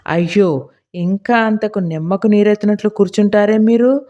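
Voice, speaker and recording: A woman reading an audiobook voices a scolding middle-aged village housewife with a shrill, indignant, nagging delivery. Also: steady tone, normal speed, dark tone, lo-fi sound, lightly acted.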